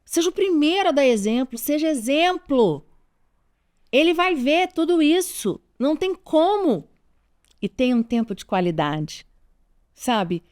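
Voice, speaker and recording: A Brazilian woman in her forties talks straight to her audience about raising children. Her voice sits a touch high, and she is earnest and emphatic. She drives each point home by repeating it. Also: sing-song, a little slow, darkish tone. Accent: Brazilian Portuguese. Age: 40s. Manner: earnest, emphatic, repeats key advice, addresses listeners directly. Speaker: parenting advice host. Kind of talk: direct-to-camera advice talk.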